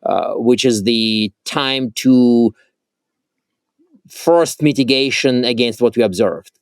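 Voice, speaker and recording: A man co-hosting a podcast, talking in an animated way with quick asides and self-interruptions. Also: mid-range voice, clear, resonant tone, no echo. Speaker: podcast co-host. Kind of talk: casual conversational chat.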